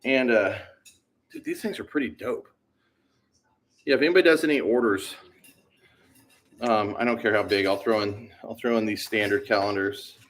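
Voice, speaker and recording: A man's voice: lowish voice, normal speed, pauses often, fairly bright tone. A man who owns a bike shop, chatting casually with viewers on a livestream while he works, rambling and slangy with lots of fillers. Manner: laid-back, rambling, slangy with many fillers. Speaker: BMX shop owner hosting a livestream.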